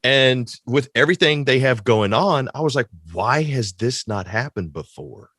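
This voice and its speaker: A man's voice: mid-range voice, normal speed, dry recording, studio quality. A man hosting a podcast, telling stories casually and acting out quotes in a raised voice. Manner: animated storyteller, acts out quotes in a raised voice. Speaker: podcast host.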